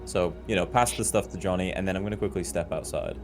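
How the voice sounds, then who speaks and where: A man's voice: low voice, quick pace, music in the background. A man playing a tabletop game in character, polite and insistent. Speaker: player. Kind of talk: in-character tabletop role-play.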